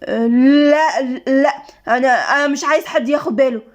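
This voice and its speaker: A woman's voice: high voice, fast talker, a little mellow. A woman with an Egyptian accent voicing a jealous, hot-tempered young husband in a storybook reading, speaking angrily. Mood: flustered. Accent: Egyptian Arabic. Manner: angry, demanding.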